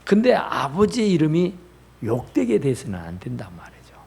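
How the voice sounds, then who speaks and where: Male pastor, sermon in church, raspy gravelly tone, fairly high and very lively delivery. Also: normal speed. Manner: animated preaching, rising and dropping to near whispers. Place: church sanctuary.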